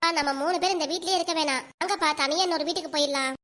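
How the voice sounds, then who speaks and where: Squeaky young daughter arguing with her dad, kanyakumari tamil accent, woman doing it. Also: heavy background noise, lightly acted. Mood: pleading. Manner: rapid, pleading and argumentative. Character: young daughter, pleading and protective of mother. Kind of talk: cartoon voice acting.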